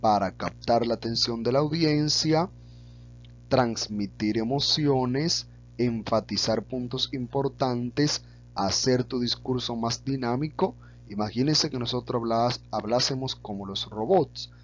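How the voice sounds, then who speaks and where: A man teaching a public speaking lesson, speaking slowly and stretching out example words. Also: medium pitch, muffled recording. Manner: slow and deliberate, stretches out sample words. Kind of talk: slow deliberate lesson on vocal technique.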